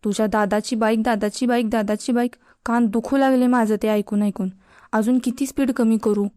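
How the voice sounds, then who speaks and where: A woman's voice: a little high, steady tone, normal speed, mellow, no room sound, studio quality, natural voice. A woman voicing an irritated young college guy. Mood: annoyed. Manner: irritated, complaining. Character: grumpy young male college student.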